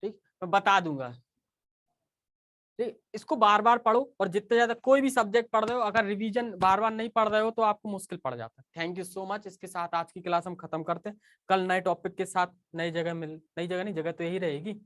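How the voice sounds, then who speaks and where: A man's voice: high-pitched, fairly even intonation, fairly quick, a bit bright. Male teacher, casual live class, conversational, keeps checking in with students. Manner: chatty, repeats "okay" often and speaks straight to students.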